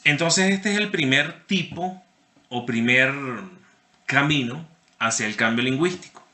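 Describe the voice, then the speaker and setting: Bright-voiced man lecturing in a roomy echo. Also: medium pitch, a little slow. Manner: explanatory, checks understanding with frequent "¿sí?"; addresses students by name. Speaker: university lecturer. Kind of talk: online class lecture.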